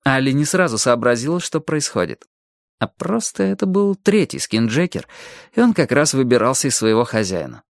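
A man reading an audiobook aloud with lively, animated expression. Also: mid-range voice, normal speed, gravelly, no room sound, studio quality. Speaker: audiobook narrator.

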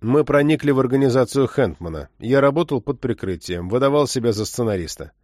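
A male narrator voicing a calm, unemotional undercover agent in an audiobook. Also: medium pitch, a little fast, dry recording, clean studio sound, lightly acted. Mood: cold. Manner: level, unemotional.

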